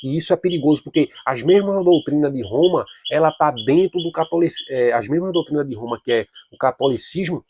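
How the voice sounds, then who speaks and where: A man leads an informal Bible study, speaking casually and repetitively, with frequent hesitations and restarts, growing more emphatic as he argues his points. His voice is on the high side, animated, slightly mellow and fairly quick, with hardly any pauses and slight background noise.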